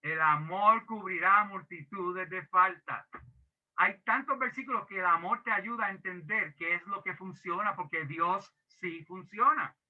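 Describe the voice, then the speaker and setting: A man teaching a Bible class sermon as pastor, lively and acting out quoted dialogue, with English words mixed in. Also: sits high, measured pace. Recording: tinny phone-like audio.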